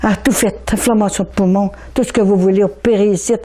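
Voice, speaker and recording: Older Québécois woman, mellow tone, emotional testimony, stumbles and repeats herself in animated bursts. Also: mid-range voice. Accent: Québécois French. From Quebec. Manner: animated, repeats words, stammers in rushes. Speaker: speaker giving religious testimony.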